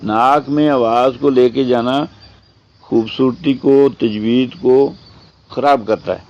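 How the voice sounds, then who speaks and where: A male Quran teacher gives a tajweed lesson at a mid-range pitch. He explains each point step by step, poses his own questions, and stretches the recited words out slowly. The recording sounds dull and lo-fi. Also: fairly even intonation, a little mellow.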